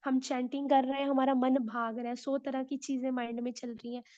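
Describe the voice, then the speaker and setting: Woman, devotional speaker, chatty and informal, high voice on a dull lo-fi recording. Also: little pitch movement, brisk, mellow, no room sound. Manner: conversational, asks listeners "right?" often. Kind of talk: devotional talk on scripture.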